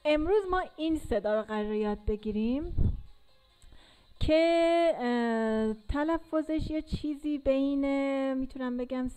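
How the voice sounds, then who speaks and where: A woman's voice: high voice, mellow, soft background music, rough recording. A woman teaching English to learners in a casual classroom style, patiently repeating and drilling sounds.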